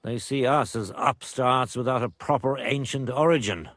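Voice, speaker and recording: A man's voice: mid-range voice, normal speed, fairly bright tone, dry recording, clean studio sound, close to an everyday voice. Man playing grave, proud older nobleman. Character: proud, grieving older nobleman and father in medieval drama. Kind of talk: video game dialogue acting.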